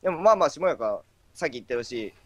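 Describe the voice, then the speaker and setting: A man's voice: mid-range voice, animated, fast talker, no room sound. A man co-hosting a casual stream, a chatty storyteller who acts out quotes. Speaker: stream co-host.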